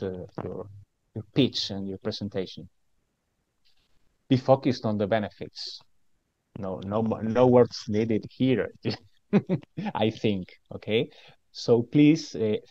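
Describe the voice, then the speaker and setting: A pitch trainer with a strong Spanish accent talks over training slides in a chatty way, often repeating himself and asking "okay?" His medium-pitched voice is mellow, and the audio is dull with no echo.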